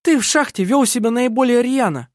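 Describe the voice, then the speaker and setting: A reader voicing an angry young woman who shouts accusations in an audiobook. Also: mid-range voice, lively intonation, fairly quick, no echo, studio quality, pitched above the performer's own voice, natural voice. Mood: furious. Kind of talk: audiobook character voice.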